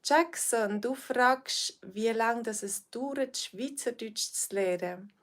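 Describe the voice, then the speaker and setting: A Swiss woman from Switzerland with a Swiss accent speaks a little high and takes it slowly. She's a language teacher answering viewers' questions on a livestream, friendly but hesitant, with frequent fillers.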